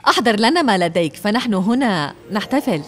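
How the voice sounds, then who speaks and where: A woman's voice: mid-range voice, lively intonation, fairly quick, fairly bright tone, soft background music, close to an everyday voice. A woman playing a kind social worker. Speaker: social worker who adopts a boy. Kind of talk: dubbed drama acting.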